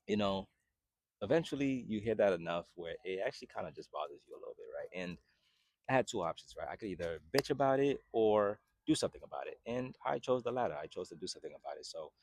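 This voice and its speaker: Twenties man from Haiti, fitness vlogger, very deep voice, dry recording, chatty, keeps asking "right?". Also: a little mellow, no echo. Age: 20s. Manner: conversational, repeats "right?" often. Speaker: fitness vlogger and personal trainer. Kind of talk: casual to-camera vlog.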